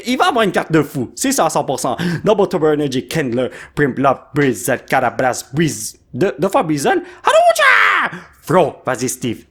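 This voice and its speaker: Give me an excitable Québécois man whose high, lively voice leaps around as he tears open card packs at home and rattles off every card name. He teases his son between pulls in a casual, playful way. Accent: Québécois French. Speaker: YouTuber host. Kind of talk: card pack opening commentary.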